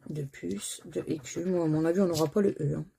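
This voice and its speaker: A woman's voice: low voice, fairly even intonation, fairly quick, creaky, dark tone, a little hiss or hum. A French woman hosting a scratch-card channel, chatting casually as she scratches tickets and spells out letters one by one. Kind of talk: casual commentary while scratching lottery tickets.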